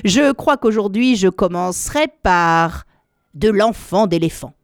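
Woman putting on a hushed, sly crocodile. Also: animated, measured pace, no room sound, clean studio sound. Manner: low, hushed and coaxing. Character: sly hungry male crocodile.

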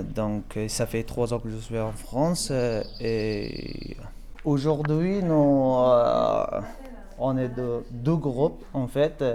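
Slow, halting man from Afghanistan. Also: medium pitch, darkish tone, a little hiss or hum. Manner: slow, halting, many fillers. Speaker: volunteer. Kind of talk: casual interview answers.

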